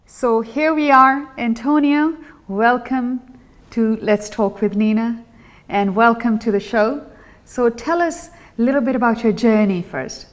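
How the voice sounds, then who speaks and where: A woman's voice: fairly high pitch, measured pace. A woman hosting a talk show, asking loose, rambling questions. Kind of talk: interview.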